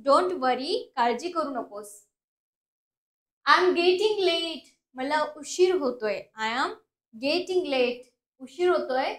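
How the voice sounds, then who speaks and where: Woman language teacher from India, unhurried delivery, slow drilled model sentences, echoey room. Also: sits high, lively intonation, fairly bright tone. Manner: slow, drawn-out English model sentences, then quick explanations. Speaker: spoken English teacher. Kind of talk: bilingual language lesson.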